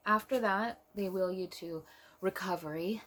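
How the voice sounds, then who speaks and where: A young woman vlogger telling a personal story in an earnest, emotional way, with soft pauses. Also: mid-range voice.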